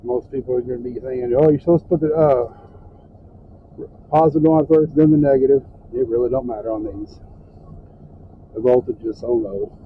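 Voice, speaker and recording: Medium-pitched and moderately paced, with long pauses, a truck driver and trainer narrates an informal tutorial step by step from his cab. His phrasing is plain and folksy, and the sound is tinny like a phone, with noise in the background.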